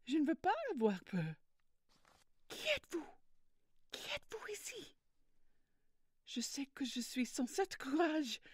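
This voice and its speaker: A cowardly lion, played by a woman in a soft ASMR roleplay, slow and plaintive. The voice is husky and rather high, full of fear and longing to be brave. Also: no echo, studio quality, exaggerated voice. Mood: frightened. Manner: fearful, plaintive, hesitant. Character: timid, weepy cowardly lion desperate to be brave.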